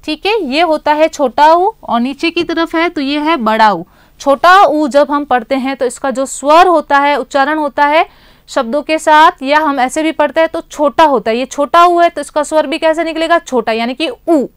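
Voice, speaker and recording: A woman with a high voice teaches young children, recorded close up in a dry space. She poses simple questions and answers them herself. She stretches words out slowly so the class can follow. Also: no room sound.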